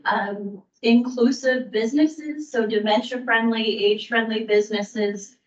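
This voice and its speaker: Picked up by a far-off mic in a roomy space with dull sound, a woman with a higher-pitched voice gives a measured staff update for a county aging services bureau at a public meeting, often saying um and starting over.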